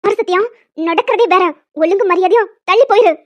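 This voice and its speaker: A woman's voice: extremely high pitch, fast talker. A woman voicing a frightened but defiant young woman in a cartoon, scolding and pleading. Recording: dull lo-fi with music behind.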